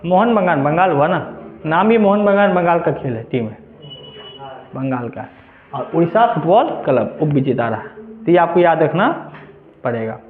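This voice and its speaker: High-voiced man teaching a class. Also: animated, normal speed, long pauses, a little hiss or hum. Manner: quizzes students with questions and answers them himself. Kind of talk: classroom lecture. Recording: echoey room on a tinny lo-fi line.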